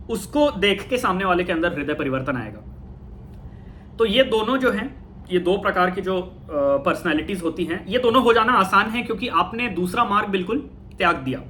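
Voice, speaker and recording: A man giving a casual talk on spirituality, thoughtful, pausing and correcting himself often. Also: sits high, bright, forceful tone, slight background noise. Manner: thoughtful, with frequent fillers and self-corrections. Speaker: talk host.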